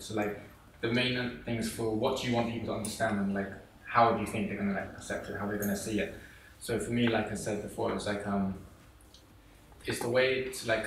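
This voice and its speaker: A young man from England talks casually as a guest, his low voice running quickly through fillers. He sounds distant from the mic in a very echoey room, with faint ambient noise behind. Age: young adult. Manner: relaxed, rambling, many fillers. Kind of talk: casual interview chat.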